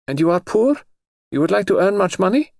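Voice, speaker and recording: A man's voice: high-pitched, big pitch swings, brisk, gravelly, a little mellow, dry recording, clean studio sound, voice pushed up, heavily acted. A male narrator voicing a stout, dignified older princess who is solemn and fussy. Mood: probing. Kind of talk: audiobook character voice.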